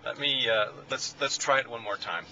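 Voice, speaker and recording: A man calmly explaining a car demonstration while driving, in a casual, matter-of-fact way with small restarts, recorded on a phone video inside a moving car. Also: mid-range voice, moderate pace. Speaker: car company demonstration driver. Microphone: handheld phone camera held by the passenger. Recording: dull lo-fi phone video, a little off-mic, faint road noise.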